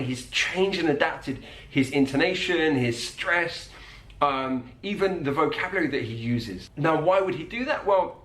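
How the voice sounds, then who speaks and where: A man coaching on accents, explaining sound by sound in a calm, methodical way. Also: fairly high pitch, reverberant.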